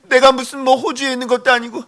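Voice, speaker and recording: A man voicing God as an exasperated but doting father who tells a loud pleader that he already hears everything. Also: very high voice, level tone, quick pace, voice pushed up, full character voice. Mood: annoyed. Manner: weary, indulgent scolding.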